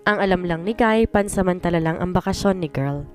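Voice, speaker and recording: A woman reading a first-person story in scripted narration, in one even voice, code-switching between Tagalog and English. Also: on the low side, brisk. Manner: reads every part in one plain voice, mixing Tagalog and English. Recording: voice over soft background music.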